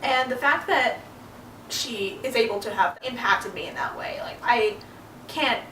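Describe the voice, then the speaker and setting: A woman's voice: a little high, expressive, bright, forceful tone, far from the mic, slight background noise. A young woman tells a personal story, speaking earnestly and stopping often to find her words. She sits some way back from the mic, and the room echoes around her voice. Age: young adult. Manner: earnest, halting, with fillers. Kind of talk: personal monologue.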